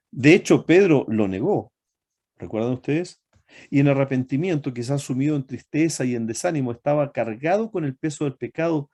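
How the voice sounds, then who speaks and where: A man preaching a sermon to his congregation, often asking them rhetorical questions and pausing on fillers and self-corrections. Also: medium pitch, mellow.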